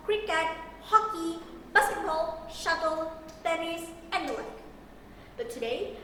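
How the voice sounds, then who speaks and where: High-voiced Indonesian schoolgirl, stiff memorized speech. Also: a bit bright. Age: young teenager. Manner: stiff, rehearsed, declamatory delivery with emphatic pauses. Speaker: student speech contestant. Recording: echoey hall, distant mic, faint noise.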